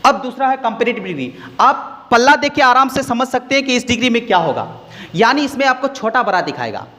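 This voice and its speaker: A man's voice: extremely high pitch, big pitch swings, a little fast, pushed and bright, big-room sound. A man teaching an English grammar lesson, explaining patiently, repeating key words and putting questions to his students.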